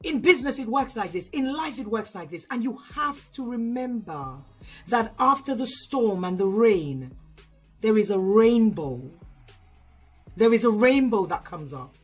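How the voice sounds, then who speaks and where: A woman with a slightly high, husky voice, talking straight to her viewers. She tells a story with animated energy and laughs easily, then turns to motivational advice. Faint music plays behind her. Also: a little slow. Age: adult, mother of a school-age son. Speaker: motivational vlogger. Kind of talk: casual storytelling and motivational talk.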